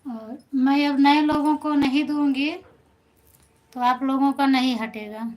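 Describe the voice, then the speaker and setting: A woman with an Awadhi accent hosts a casual live stream on her phone. Her voice sits high and stays fairly even in tone. She chats with her viewers, answers them by name and reassures them warmly. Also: measured pace, rough recording. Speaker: folk singer hosting a live stream.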